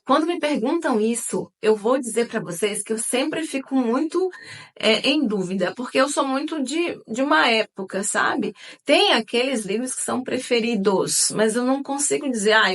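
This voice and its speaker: Woman book vlogger rambling casually to her viewers, kinda high-pitched, lots of "né"s and "gente"s. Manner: chatty, many fillers, addresses viewers as "gente". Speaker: book channel host.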